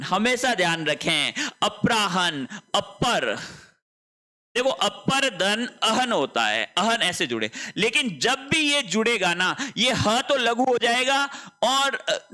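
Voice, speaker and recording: A man teaching Hindi spelling speaks in a high-pitched, bright, pushed voice. He stresses points emphatically, repeats words often, and keeps asking rhetorical questions.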